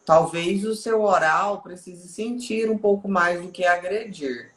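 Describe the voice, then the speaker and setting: A woman's voice: lowish voice, unhurried, echoey room. A woman speaking as a guest on a live stream, explaining in a teaching way and often checking in with the listener.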